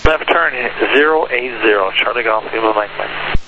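Male pilot, medium pitch, clipped radio phraseology, clear static and hiss around the voice. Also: moderate pace, muffled recording. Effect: cockpit aviation radio.

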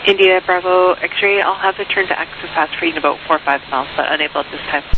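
A man's voice: high voice, quick pace. A man working as an air traffic controller, giving clipped, procedural calls over a crackly radio. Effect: crackly radio transmission. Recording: crackly, hissy narrowband aviation radio.

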